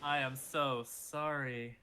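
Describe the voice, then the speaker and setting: A man's voice: mid-range voice, fairly even intonation, slow, bright, forceful tone, a little hiss or hum. A man chatting casually and narrating a tabletop game as its game master.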